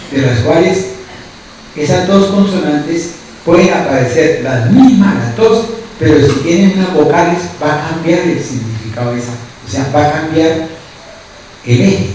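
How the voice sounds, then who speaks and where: A man's voice: a little high, a little mellow, heavy reverb, distant mic, a little hiss or hum, rough recording. A man preaching a sermon as pastor, who keeps asking his listeners short questions. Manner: asks the congregation constant questions.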